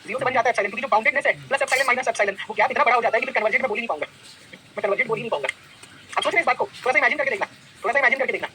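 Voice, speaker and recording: Brisk, bright-voiced male math teacher. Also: very high voice, a little hiss or hum, poor audio. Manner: lively, quizzing students with repeated questions. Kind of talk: classroom lecture, mixing Hindi and English.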